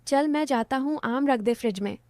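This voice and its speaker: A woman's voice: high-pitched, moderate pace, mellow, no room sound, lightly acted. A woman voicing a teasing young village guy.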